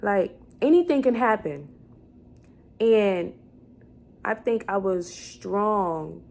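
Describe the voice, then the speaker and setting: Slow and animated, a vlogger in her twenties answers questions to camera in a mid-range, slightly mellow voice. Her casual chat meanders as she thinks aloud and corrects herself, recorded in a clearly noisy room.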